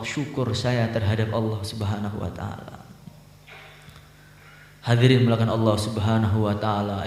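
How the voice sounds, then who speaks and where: A man preaching and telling a story dramatically, swinging between quiet telling and loud outbursts. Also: medium pitch. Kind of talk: sermon storytelling. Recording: echoey room.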